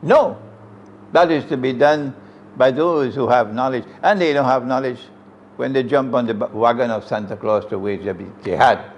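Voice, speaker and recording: A medium-pitched voice at a moderate pace, heard through a muffled recording with slight background noise, belongs to an older Islamic lecturer from Trinidad with a Trinidadian accent. Indoors in a room with green chairs, he speaks emphatically at a close stand mic, posing rhetorical questions with sweeping hand gestures.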